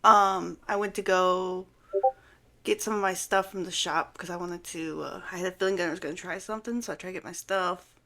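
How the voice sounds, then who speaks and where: A woman's voice: on the low side, fairly even intonation, brisk, pushed and bright. A woman giving rambling, hesitant roleplay testimony, full of fillers and restarts.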